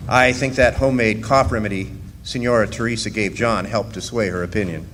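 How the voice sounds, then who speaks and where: With live hall reverb and a little faint noise around him, a man voices a rail-riding drifter who reflects on his past as the radio play's narrator. His lowish, slightly bright voice is close to everyday speech, fairly even in intonation and a bit fast. He tells the story with a dry, wry, reflective touch.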